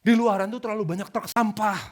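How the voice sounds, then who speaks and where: A man's voice: high voice, fast. A male pastor preaching a sermon, telling stories with slang and jokes. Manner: animated storytelling with slang and jokes.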